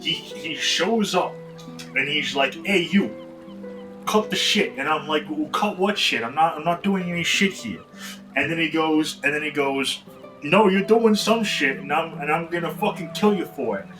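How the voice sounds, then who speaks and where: A man's voice: medium pitch, expressive, fairly quick, few pauses, recorded from a distance, music in the background, natural voice, rough recording. A man voicing a brash, swearing male rogue with a wandering put-on accent, rambling as he talks. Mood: boastful. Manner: rambling, profane, laughing through it. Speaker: player. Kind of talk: in-character tabletop role-play.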